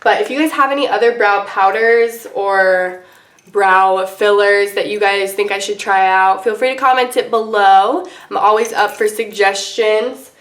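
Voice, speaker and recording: A woman with a medium-pitched voice chats casually to camera as a beauty vlogger. She sounds sick and under the weather, with an icky, congested voice. Her delivery is informal and rambling, recorded in a noticeably echoey room. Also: fairly even intonation, unhurried, fairly bright tone. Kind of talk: casual makeup tutorial chat to camera.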